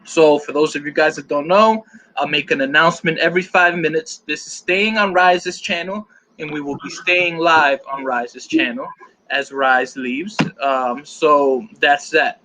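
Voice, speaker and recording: Man hosting a live stream, bright voice, fairly high pitch, loose and joking. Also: steady tone, unhurried, a little hiss or hum, low-quality recording. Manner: loose and joking, reading out chat comments. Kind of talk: casual live-stream chat.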